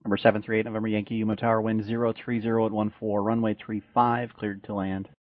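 A man's voice: fairly low pitch, little pitch movement, fast talker, no echo. A man working as an air traffic controller, speaking in procedural radio style on dull, lo-fi audio.

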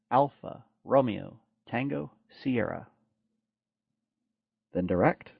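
A man working as an air traffic controller, reading out clearances in brisk, clipped phrasing over an aviation radio transmission. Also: medium pitch, dry recording. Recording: muffled dry radio audio.

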